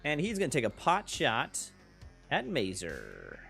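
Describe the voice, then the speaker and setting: An animated game master with a lively, swinging pitch calls out turns and counts distances. Soft synth music plays underneath. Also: male voice, unhurried, vocal fry. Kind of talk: running a tabletop game.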